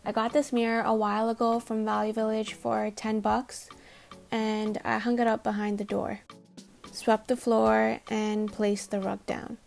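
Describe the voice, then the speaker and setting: Her voice sits fairly high and a little mellow, with vocal fry, a level tone and a measured pace. This woman, whose first language is Tamil, is a DIY home makeover vlogger reading scripted narration in a casual, chatty, self-deprecating style, set against faint background music.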